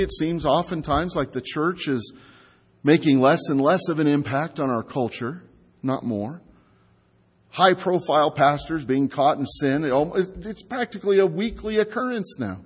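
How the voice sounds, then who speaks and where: A man preaching a sermon in a conversational style, asking his listeners rhetorical questions and slowing down to stress key words. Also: high voice, breathy edge, big-room sound. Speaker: pastor.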